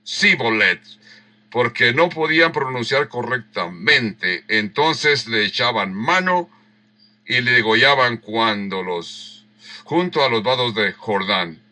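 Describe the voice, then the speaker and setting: A male pastor with a very bright, forceful voice, teaching scripture at an unhurried pace. He works through the passage line by line, repeating key words to make the sounds clear. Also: medium pitch, lively intonation. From Mexico. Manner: unhurried, rereads verses and acts out the quoted lines; explains word sounds with emphatic repeats. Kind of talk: sermon teaching verse by verse.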